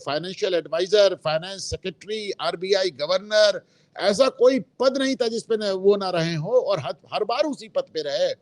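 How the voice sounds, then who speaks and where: A man's voice: high-pitched, darkish tone, dry recording. A man speaking as a guest in a political discussion, emphatic and opinionated, dropping English phrases into his talk. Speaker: guest commentator.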